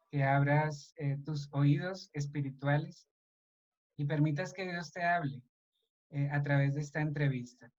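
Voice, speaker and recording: A man's voice: fairly high pitch, a little mellow. A man leading a church couples meeting, speaking earnestly and devotionally and addressing the listeners directly. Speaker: church couples ministry leader. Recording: dull lo-fi online meeting audio.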